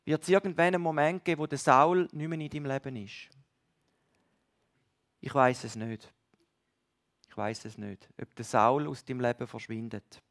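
A man preaching a sermon, speaking directly to his listeners and moving between loud stresses and hushed lines. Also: medium pitch, steady tone, moderate pace, long pauses.

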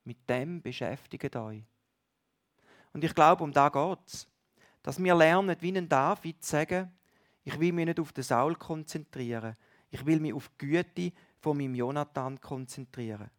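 A man preaching a sermon, speaking directly to his listeners and moving between loud stresses and hushed lines. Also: on the high side, a little slow.

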